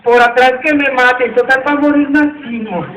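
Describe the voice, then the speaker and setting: A man's voice: very high-pitched, fairly even intonation, moderate pace, background noise. A man putting on an effeminate young male army recruit with a flouncy, sing-song manner. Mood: coy. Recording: echoey, distant, loud crowd.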